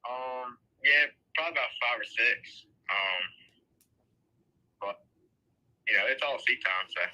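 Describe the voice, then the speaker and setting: Young racer on a speakerphone line. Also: male voice, mid-range voice, bright, forceful tone, rough recording. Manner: halting, many fillers. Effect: heard over a phone on speaker. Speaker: race car driver. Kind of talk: phone-in interview.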